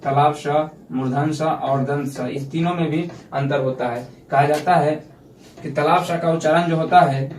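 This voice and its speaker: A man's voice: fairly high pitch, fairly even intonation, moderate pace, a little mellow, slight background noise. A male school teacher giving a classroom grammar lesson, explaining step by step and repeating his points. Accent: Hindi speaker from India. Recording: echoey room from far off.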